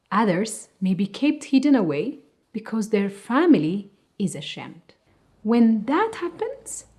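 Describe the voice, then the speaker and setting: A woman from Africa presenting a training module in calm, scripted narration. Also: fairly low pitch.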